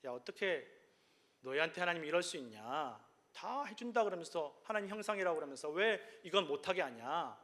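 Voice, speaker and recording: A man's voice: fairly high pitch, sing-song, fairly quick, voice pushed up. Man putting on a sly tempting devil. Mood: coaxing. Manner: mocking, wheedling, rising to shouts.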